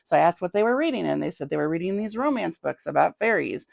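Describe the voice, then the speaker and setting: A woman who hosts a tabletop gaming channel and runs games as game master answers a viewer's question in a chatty, conversational way, thinking aloud. Her voice is on the low side, quick and lively in intonation, with vocal fry. The recording is dry.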